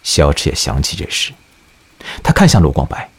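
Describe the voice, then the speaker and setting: A man narrating an audio drama in an expressive storytelling manner. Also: rumbling low, normal speed, slightly rough.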